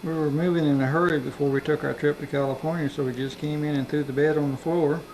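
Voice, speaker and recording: A man's voice: on the high side, fairly even intonation, fast talker, a little mellow, rough recording. A man behind the camera, casually narrating a house tour on an old VHS home video, recorded indoors on the camcorder's own mic. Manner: casual, matter-of-fact commentary. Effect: old VHS home video tape. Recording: humming, hissy old camcorder tape.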